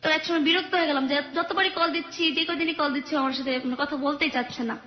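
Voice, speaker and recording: Fast-talking high-voiced young woman caller. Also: fairly even intonation, reverberant, muffled recording. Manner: rapid, earnest retelling that acts out family quarrels. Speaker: caller telling her life story. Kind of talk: personal story told on a call-in radio show.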